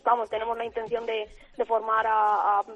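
A woman from Spain calls in as a guest, her voice husky and a touch high. She explains at length and keeps restarting her sentences. The sound is tinny and thin, squeezed through a phone line. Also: completely flat delivery, a little fast. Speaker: guest gamer. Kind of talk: phone-in radio interview. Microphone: telephone.

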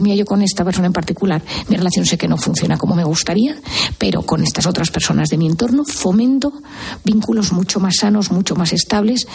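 A woman's voice: lowish voice, creaky, darkish tone, breathy edge. A woman with a Spain Spanish accent, a psychiatrist guest on a radio show, explaining earnestly and posing example questions.

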